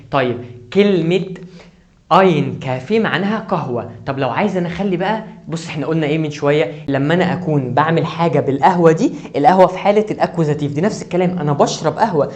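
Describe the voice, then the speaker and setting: A man with an Egyptian Arabic accent teaching a German grammar lesson online, urging the viewer again and again to focus. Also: fairly high pitch. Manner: urgent, repeatedly asks the viewer to focus.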